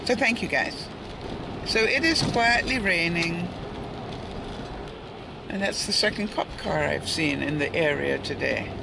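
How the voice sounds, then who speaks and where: An older woman recording a casual daily vlog stands outdoors by a street in light rain, rambling to viewers with asides and little chuckles. Her lowish voice has vocal fry, a measured pace and frequent pauses, and passing cars and street ambience make the recording noisy.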